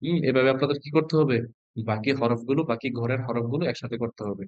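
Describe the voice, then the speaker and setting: A man's voice: medium pitch, quick pace, no room sound, muffled recording. A male Quran reading teacher giving an online class, patiently naming letters one by one and quizzing his students. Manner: patient, asks students questions and spells out letters.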